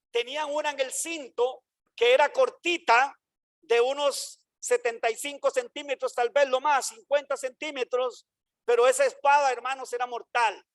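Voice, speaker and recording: Pastor guy with a really high voice preaching, asks the church questions, drags out words then yells. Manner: emphatic preaching with rhetorical questions to the congregation; swings between slow stressed phrases and sudden shouts. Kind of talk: sermon.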